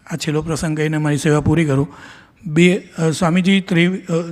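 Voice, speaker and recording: A middle-aged devotee from India delivers an earnest personal spiritual testimony to a devotional gathering, telling memories, acting out dialogue, and restarting sentences often. He has a slightly high voice with a darkish tone.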